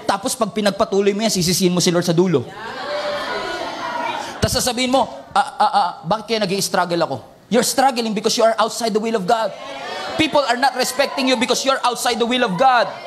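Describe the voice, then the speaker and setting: A pastor preaches with a notably high voice, trading shouted declarations for quiet, joking asides. He mixes Tagalog and English as he addresses his congregation. A faint murmur of the crowd and some noise sit under him. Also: a little fast. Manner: animated, swings from shouting to low asides, joking.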